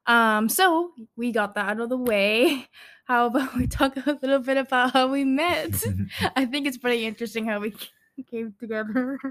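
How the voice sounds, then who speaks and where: A woman's voice: fairly high pitch, moderate pace, a bit bright. A woman in her twenties from Central America hosting a casual podcast, chatty and reading from a script with many ums and laughs. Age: 20s. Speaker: podcast host.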